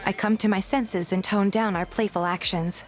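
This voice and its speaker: This woman's mid-range voice moves at a normal speed with fairly even intonation. She reads scripted first-person narration resembling an audio drama, voicing the heroine and narrator of a fan dub over music.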